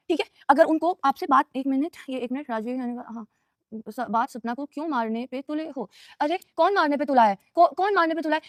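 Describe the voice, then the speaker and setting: A young woman talks quickly in a high voice, firing off her words in a heated rush. She is on a live stream, defending herself and answering her viewers one after another. The sound is close and dry, with no room around it. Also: no room sound. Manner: rapid, heated and defensive, addressing chat directly. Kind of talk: emotional live-stream talk.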